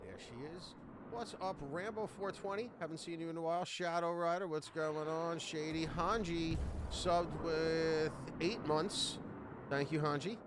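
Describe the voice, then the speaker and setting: A man co-hosting a live stream, greeting viewers by name and giving shout-outs in an upbeat, casual way. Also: fairly high pitch, steady tone, a little slow, background noise. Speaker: stream co-host.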